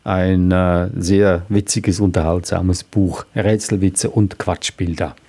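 A man discussing children's books in casual, hesitant talk. His voice is low, dark and gravelly with plenty of fry. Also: level tone, slow. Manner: hesitant, many fillers. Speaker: co-host presenting children's books. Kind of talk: casual chat.

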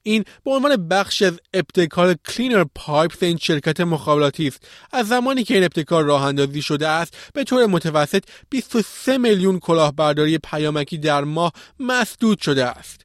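Male news presenter for a podcast, scripted read, fairly high pitch, close dry studio sound. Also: lively intonation, no echo.

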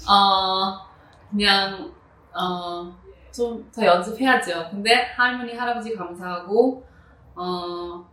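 A woman from New Jersey with a Korean American accent and native English, answering interview questions casually and haltingly, slipping between languages. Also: medium pitch, sharp tone. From New Jersey, United States. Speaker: musician being interviewed. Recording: roomy echo, distant microphone.

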